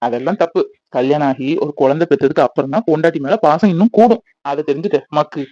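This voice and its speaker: A man's voice: on the high side, dark tone, no room sound, close to an everyday voice. A man voicing an affectionate young husband who teases his wife playfully. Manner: teasing, fast and playful. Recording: dull lo-fi dry recording.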